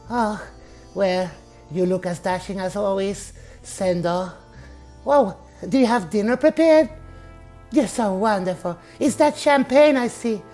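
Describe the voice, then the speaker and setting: A woman's voice: medium pitch, a little mellow, close to an everyday voice. A woman playing a gushing shark wife. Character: doting glamorous female shark wife. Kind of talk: comedy sketch acting.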